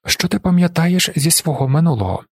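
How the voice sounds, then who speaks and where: A man's voice: fairly high pitch, animated, a little fast, husky, no echo, clean studio sound, voice pushed up. A man voicing a cunning, menacing male shapeshifter who bargains and threatens in a gloating, silky way in an audiobook. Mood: gloating menace. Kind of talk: audiobook character voice.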